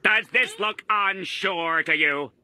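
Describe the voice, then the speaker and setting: A man's voice: sits high, slow pace, bright, forceful tone, heavily acted. A man playing a bossy male cartoon character who talks emphatically and gives commands. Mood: commanding.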